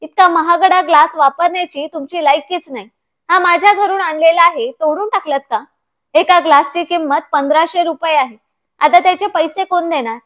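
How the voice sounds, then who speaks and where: A woman's voice: very high voice, normal speed, a bit bright. A woman voicing an arrogant rich young daughter-in-law who talks with contempt. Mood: scornful. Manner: contemptuous, insulting tone.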